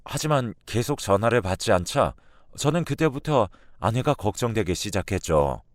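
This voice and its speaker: A man's voice: fairly low pitch, sing-song, normal speed, no room sound, studio quality. A man narrating a first-person radio drama story in a scripted storytelling style.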